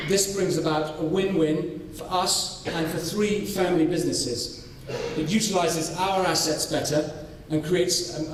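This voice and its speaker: A man from North Wales, giving a conference presentation on his farming study, measured and full of ums and restarts. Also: fairly high pitch, a little hiss or hum. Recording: echoey hall, voice from far off.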